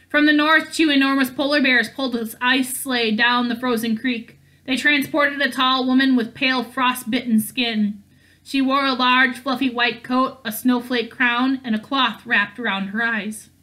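A woman reading a fantasy novel aloud in a steady storytelling way. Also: high-pitched. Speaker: audiobook reader.

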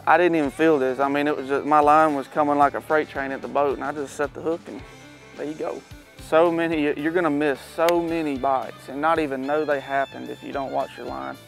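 A man in his thirties, hosting a fishing show, talks casually while fishing from a boat on a pond, easygoing and now and then excited. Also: on the high side, brisk, vocal fry, faint music behind. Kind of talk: casual on-the-water fishing instruction.

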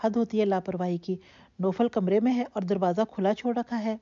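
A woman's voice: medium pitch, fairly even intonation, mellow, natural voice. A woman voicing a young female cousin who jokes and teases, in a dull lo-fi recording. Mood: teasing. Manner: mischievous, joking. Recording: dull lo-fi audio.

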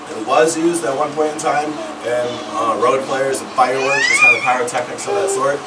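Male tour guide, young adult, wry and informal, cave echo, distant camera mic with loud background noise. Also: mid-range voice. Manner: casual, wry, practised patter. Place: inside a small rocky cave underground. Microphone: distant handheld camera mic.

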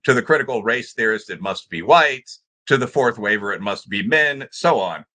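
A middle-aged man on a panel video call argues off the cuff from an indoor room lined with bookshelves, in an academic, discursive and emphatic style. His voice is fairly low, with lively intonation, a sharp tone and a moderate pace.

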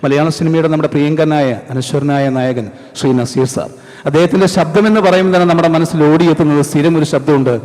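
A man's voice: fairly high pitch, steady tone, a little fast, a little mellow. A man, a mimicry artist, talking to the audience in conversational stage comedy patter. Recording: stage hall reverb.

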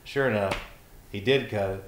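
A man's voice: lowish voice, normal speed, roomy sound, a little hiss or hum. A man who is a songwriter guest, telling stories casually in an interview, livening up when he quotes people. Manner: animated when quoting others, trailing restarts. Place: back porch studio.

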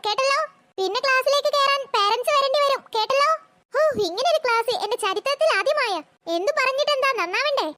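A woman's voice: extremely high pitch, heavy background noise. A woman voicing a strict female schoolteacher in a cartoon who lectures and threatens the class. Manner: stern, lecturing.

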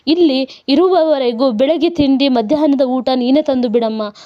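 A woman's voice: high-pitched, moderate pace, natural voice. A woman voicing an older male hospital patient who coaxes and pleads affectionately. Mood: pleading. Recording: dull lo-fi recording.

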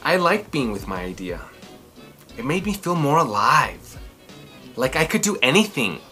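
A very animated man in his thirties hosts a children's read-aloud in a small furnished room, mixing expressive storytelling with chatty commentary for kids. His bright voice swings widely in pitch as he theatrically stretches key words at a moderate pace, with some music playing behind him.

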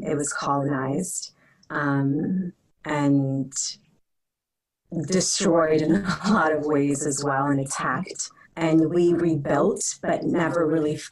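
A woman in her thirties from Senegal, an actress on a video-call panel, speaks in a reflective, measured way. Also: deep voice, distant mic, poor audio. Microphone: wired earbuds on a video call.

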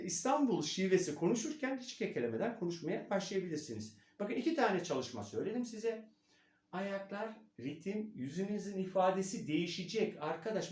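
A man giving a spoken lesson as a speech coach, demonstrative and quick to show examples. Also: high voice, a little mellow. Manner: demonstrative, breaks into imitations. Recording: echoey room.

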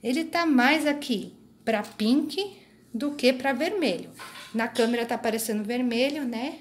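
A woman in her thirties hosts a homey crochet vlog from a small craft room, filming close-ups on a phone she holds in her hand. Her voice sits a little high, and she keeps checking in with viewers through easy tag questions and asides. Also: measured pace, a little hiss or hum. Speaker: crochet channel host. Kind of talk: casual show-and-tell vlog. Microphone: phone held in hand.

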